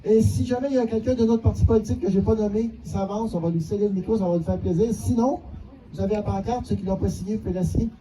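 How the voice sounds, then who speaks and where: A man's voice: sits high, quick pace. A man with a Quebec French accent earnestly explaining details to a public meeting, repeating his points. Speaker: local organizer at a public meeting. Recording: distant mic with loud background noise.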